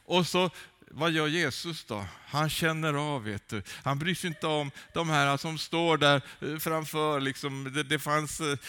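A man's voice: fairly high pitch, pushed and bright, smooth. A man preaching a sermon with fervent, rising calls and many hesitant fillers.

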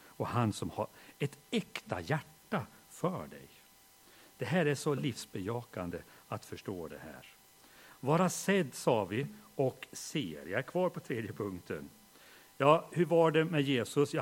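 Husky-voiced middle-aged pastor, animated and pitch-lively in a sermon. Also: male voice. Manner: dynamic, swings from hushed to loud storytelling. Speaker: preacher. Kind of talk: sermon with personal story.

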